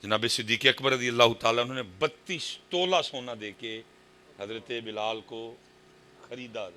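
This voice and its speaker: Impassioned Punjabi-accented male preacher. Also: moderate pace. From Pakistan. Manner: swings from soft talk to shouted high-pitched exhortation. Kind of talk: impassioned sermon. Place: public religious gathering.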